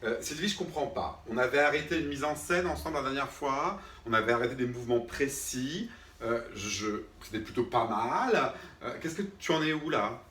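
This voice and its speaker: His voice sounds natural this time, medium-pitched and a bit bright, with lively intonation at an ordinary pace and a little hiss or hum in the background. Playing an exasperated drama teacher in a one-man comedy bit, he loses patience with invisible pupils while repeatedly asking "d'accord?", recorded roomy with the mic far away.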